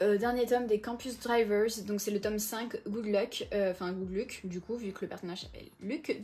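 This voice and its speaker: A young woman in her twenties talks through her latest book haul in a loose, chatty way. She often stops to hesitate and corrects herself mid-sentence, and her pitch sits in an ordinary middle range. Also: darkish tone. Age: 20s. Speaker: book vlogger. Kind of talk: casual book haul chat.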